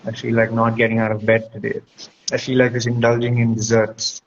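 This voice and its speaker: A man with a mid-range, monotone voice talks a little fast as a guest counselor, offering reflective, conversational advice and explaining things while often checking in with "right?" The audio is dull and lo-fi, with clearly audible background noise.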